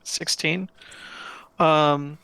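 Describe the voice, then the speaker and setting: A man's voice: a little high, steady tone, extremely slow, bright, forceful tone, clear, resonant tone, no room sound. A man running a tabletop role-playing game, describing scenes hesitantly with many fillers. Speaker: game master.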